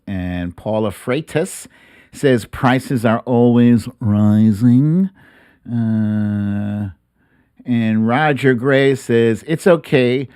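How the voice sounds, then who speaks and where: Speaking at a medium pitch with a smooth delivery, this middle-aged livestream host talks to his viewers through a boom-mounted broadcast mic in his home studio. His talk is lively and casual, peppered with salty street slang, and there's no room sound at all.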